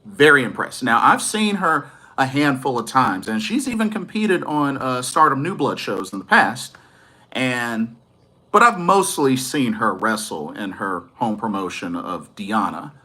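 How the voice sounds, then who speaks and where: A man's voice: mid-range voice, very animated, measured pace, sharp tone. A man giving a casual, enthusiastic wrestling review, rambling a little and correcting himself as he goes.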